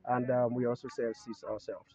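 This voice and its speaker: A man's voice: mid-range voice, little pitch movement, fairly quick, dark tone, highs cut off. A man in his forties, a farm company head, explaining his work in an outdoor interview, hesitating often with ums. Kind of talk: field interview. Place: open rice field outdoors.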